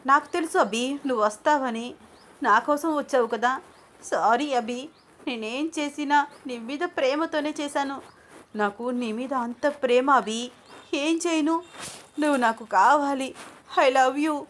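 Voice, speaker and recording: A woman voicing an obsessive, jealous young woman who pleads in a shrill, tearful voice. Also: a little slow, a bit bright. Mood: pleading. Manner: shrill, tearful, desperate begging.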